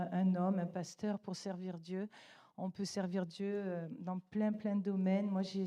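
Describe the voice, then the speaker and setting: A middle-aged woman shares her testimony at a church service, speaking earnestly and stopping often to restart her thoughts. Her voice is mellow and warm, pitched at an ordinary middle height. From Italian roots. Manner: earnest, halting with many restarts. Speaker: guest speaker giving a testimony.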